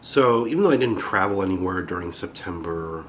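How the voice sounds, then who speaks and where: A man with a cold hosts his own photography channel, loosely recapping his month in a relaxed, rambling way with frequent fillers and restarts. His voice is low-pitched and fairly quick, with a little hiss or hum in the background.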